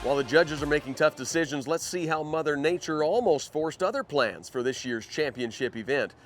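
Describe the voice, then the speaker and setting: A man's voice: on the high side, expressive, a little fast, soft background music. A man presenting a broadcast show as its host, reading scripted links.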